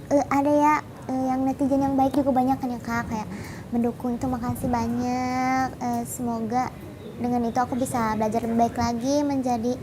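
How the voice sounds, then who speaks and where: A young Indonesian woman speaks in a high, cute, girlish voice. She answers as a casual interview guest, agreeable and slightly halting. There is clear ambient noise behind her. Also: level tone. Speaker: interview guest, dangdut singer.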